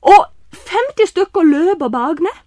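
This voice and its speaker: A woman telling a lively personal story, excited bursts mixed with quieter asides. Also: very high voice, no room sound, studio quality. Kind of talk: animated personal anecdote.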